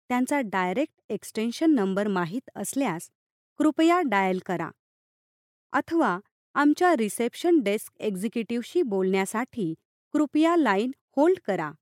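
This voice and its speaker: Lively, high-pitched female customer service voice. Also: dry recording, clean studio sound. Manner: polite, formal customer service delivery. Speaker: IVR phone menu announcer. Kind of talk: scripted phone greeting in a customer service voice.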